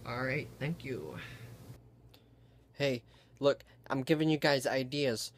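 A man doing a deadpan comic vlog monologue, halting and full of ums. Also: mid-range voice, a little hiss or hum, rough recording. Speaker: vlogger.

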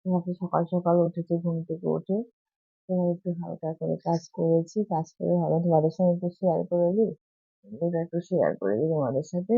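A woman, hoarse from a cold, chatting in a rambling, repetitive way to her viewers in a casual morning vlog. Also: on the low side, fairly even intonation, fast, no echo, soft background music. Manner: rambling, repetitive, keeps asking viewers if they follow. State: hoarse from a cold and sore throat. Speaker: vlogger. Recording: tinny phone-like audio.

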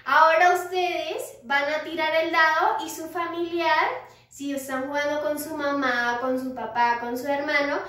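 A woman teaching music to young children, gentle and patient, often checking in with the kids. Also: high-pitched. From Colombia. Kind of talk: recorded lesson for young children. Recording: echoey room, far from mic.

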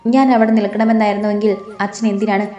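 A woman's voice: medium pitch, level tone, fast talker, warm tone, highs cut off, natural voice. A woman voicing a distressed young bride who pleads tearfully in a storybook reading, in a roomy space. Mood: pleading.

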